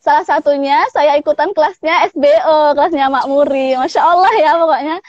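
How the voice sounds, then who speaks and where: A woman in her thirties from Palembang, Indonesia, who owns a pempek food business, chats casually as a guest in a video-call interview, laughing often. Her voice is high and brisk, and the recording is muffled but free of echo.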